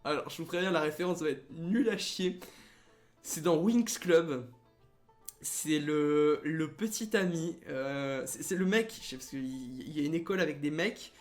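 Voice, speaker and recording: A man's voice: fairly high pitch, a little slow, faint music behind. A young man hosting a let's play in casual gaming commentary, reading the game text aloud and adding sarcastic, joking asides.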